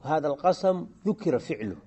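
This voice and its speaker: A man teaching a grammar lesson, often pausing to quiz his students and repeating key phrases. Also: a little high, expressive, warm tone, breathy edge. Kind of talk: classroom lesson explaining a grammar poem.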